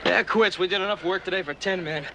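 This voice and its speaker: An actor playing a grumbling but game younger brother in a western drama, boyish in manner. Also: male voice, high voice, quick pace, background noise. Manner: complaining, boyishly eager once persuaded. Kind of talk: period western television drama acting.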